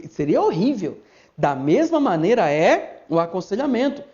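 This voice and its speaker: A man with a Brazilian Portuguese accent teaching a video lesson to camera, folksy and animated, acting out little scenes. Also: sits high, moderate pace. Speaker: pastor teaching a course. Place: indoors, seated before a camera. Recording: dull lo-fi sound.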